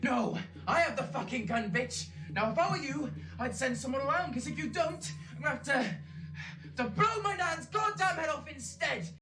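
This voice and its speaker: Actor as agitated high-voiced lad, badly acted. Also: male voice, animated, normal speed, noisy background. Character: agitated young man trapped by his zombie grandmother.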